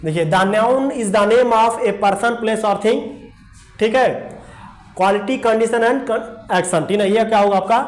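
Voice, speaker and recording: High-voiced teacher spelling words aloud. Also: male voice. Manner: spells words letter by letter, repeats "देखिए" and "ठीक ना". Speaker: English grammar teacher. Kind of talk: whiteboard grammar lesson. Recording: echoey room with faint background noise.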